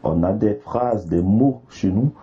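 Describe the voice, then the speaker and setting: A man's voice: on the low side, measured pace, slightly rough. A man from Côte d'Ivoire, a guest artist in an interview, talking with frequent hesitations and restarts. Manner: hesitant, with many fillers and restarts. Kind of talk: interview conversation. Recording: slightly dull, faint background noise.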